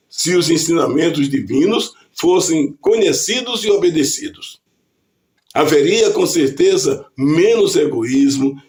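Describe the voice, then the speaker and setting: Slow, deliberate Brazilian preacher man. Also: fairly high pitch, darkish tone. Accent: Brazilian Portuguese. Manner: slow, deliberate preaching delivery reading scripture aloud. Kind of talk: scripted devotional reflection.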